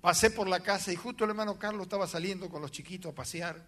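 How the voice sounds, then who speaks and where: A man, a pastor telling a dramatic story in a sermon with sudden loud outbursts. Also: sits high, fast talker.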